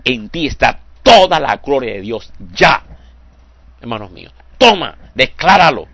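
A man's voice: mid-range voice, animated, unhurried, creaky, no echo. Older man preaching a fervent sermon. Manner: fervent, repeats "hermanos santos" with a soft drop at phrase ends; stumbles and repeats words when moved.

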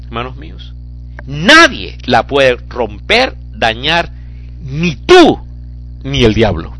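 A man's voice: mid-range voice, wildly swooping pitch, slow pace, bright, forceful tone, faint music behind. A man preaching a sermon as pastor, impassioned and fervent, building into cries.

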